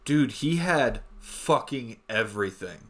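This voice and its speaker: A man's voice: medium pitch, lively intonation, slow, fairly bright tone. A man hosting a casual comedy podcast, swearing and joking in rambling group banter. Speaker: podcast host.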